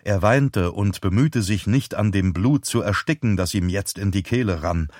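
A man reading a tense thriller audiobook in measured, steady narration. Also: on the low side, dry recording, clean studio sound.

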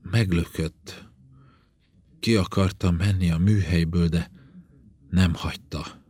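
A man reading the part of a young princess badly burned in a fire, speaking haltingly and in pain. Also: deep voice, steady tone, dark tone, slightly rough. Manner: halting, pained, breaking into screams.

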